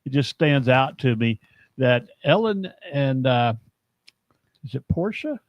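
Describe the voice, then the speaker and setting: A man hosting a casual sports talk show, talking in a meandering, halting way and often restarting his sentences. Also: medium pitch, very animated, dry recording, lo-fi sound. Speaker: host.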